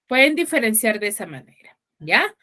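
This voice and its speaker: A woman's voice: fairly high pitch, sing-song, moderate pace, bright, forceful tone. A woman teacher giving an online class, patient and checking in with students often. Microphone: video call.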